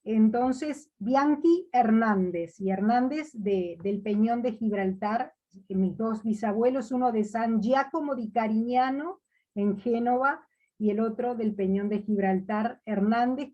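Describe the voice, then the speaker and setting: A woman poet from Uruguay, talking slowly with many pauses and fillers in a video call interview. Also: on the high side, muffled recording.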